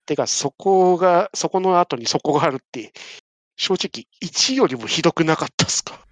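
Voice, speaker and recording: A man's voice: on the high side, expressive, normal speed. Teasing man in a casual chat.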